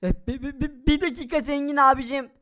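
Brief: a man playing a squeaky-voiced, stammering young cartoon sidekick. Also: steady tone, fairly quick, bright, forceful tone. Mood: astonished. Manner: stammering, astonished.

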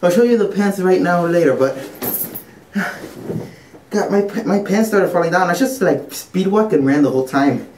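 A man's voice: high voice, expressive, moderate pace, a little mellow, a little hiss or hum. Rambling teenage boy vlogging on the go. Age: teens. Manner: rambling, restarts, casual and self-mocking. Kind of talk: casual daily vlog. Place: outdoors walking in rain, then at home. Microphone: handheld camera.

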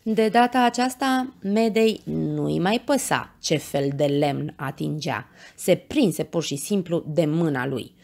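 A woman reading a children's bedtime story aloud, with expressive, animated narration. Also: low voice, gravelly, few pauses.

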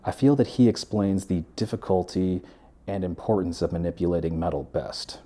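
Man in his 30s, low husky voice, measured read essay narration, warm dark tone. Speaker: welder and video essayist. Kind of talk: scripted narration. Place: living room with a sofa.

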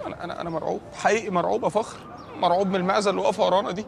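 A man's voice: high-pitched, lively intonation, rapid-fire, a little hiss or hum. An actor with an Egyptian accent playing a nervous, whiny young man in a comedy series. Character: anxious, clueless young man lost in time.

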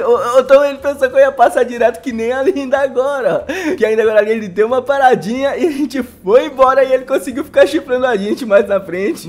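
A Brazilian man giving casual gameplay commentary, excitable and often laughing, talking straight to his viewers. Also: very high-pitched. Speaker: gaming YouTuber.

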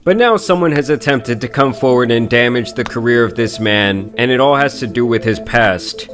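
A man narrating a commentary video in a measured, explanatory way. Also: medium pitch. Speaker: commentary youtuber.

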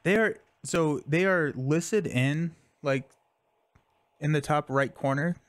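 Brief: casual male host of a card game session, a bit high-voiced, easygoing. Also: takes it slowly. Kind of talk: casual tabletop game chat and reading rules.

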